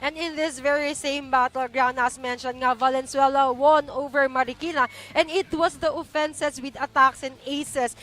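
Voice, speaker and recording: A woman with a Filipino accent giving measured, formally phrased pre-game analysis as a sports co-commentator. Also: high voice, fairly even intonation, fairly bright tone.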